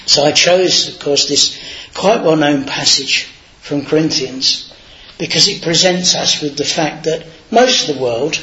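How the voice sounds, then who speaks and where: A man's voice: on the high side, a little slow, pushed and bright. Chatty man preaching informally. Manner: chatty, anecdotal, self-deprecating. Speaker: lay preacher. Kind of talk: informal sermon. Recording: dull lo-fi recording.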